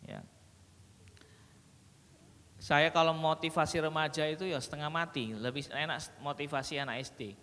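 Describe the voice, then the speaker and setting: A man's voice: a little high, moderate pace, long pauses. A man speaking to an audience in a hall, telling stories and acting out dialogues with humour. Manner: animated storyteller who acts out dialogues with humour. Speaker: speaker at a parenting sharing session. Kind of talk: lively seminar talk to an audience. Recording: reverberant hall, faint background noise.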